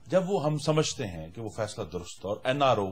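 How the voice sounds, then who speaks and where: A man with a mid-range voice argues a political case on a talk show. He talks in measured, reasoned steps and presses the same point again and again. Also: medium pitch, sing-song. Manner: measured, argumentative. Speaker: political party guest. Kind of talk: political debate.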